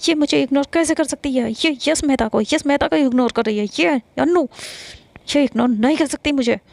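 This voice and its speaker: A woman's voice: sits high, normal speed, darkish tone, no room sound. A woman voicing a proud, headstrong young woman who talks in an indignant, bossy way. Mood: furious.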